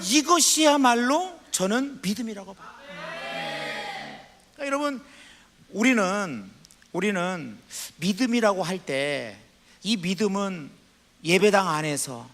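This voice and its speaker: Lively, bright-voiced Korean pastor preaching. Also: male voice, high-pitched, long reverb tail. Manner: animated preaching, asks the congregation questions; reads scripture aloud slowly. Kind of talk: sermon. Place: church sanctuary.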